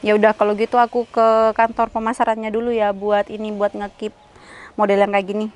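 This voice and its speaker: A woman's voice: mid-range voice, completely flat delivery, brisk, a little mellow, natural voice. A woman playing a chatty, bossy young woman hunting for a house, talking to herself and nagging on the phone, in an amateur skit.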